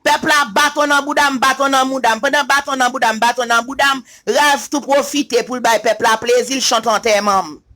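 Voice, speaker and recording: A man's voice: very high voice, steady tone, normal speed, hardly any pauses, sharp tone, soft background music. A man with a Haitian accent giving an emphatic opinion rant to his followers, repeating lines and slipping into sing-song chants. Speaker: social media commentator.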